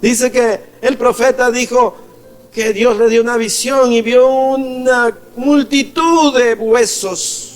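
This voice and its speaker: Pastor preaching a sermon, really high voice, takes it slow, faint music underneath. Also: male voice, fairly even intonation. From Ecuador. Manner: preaching, calls the congregation "amados", acts out quoted voices.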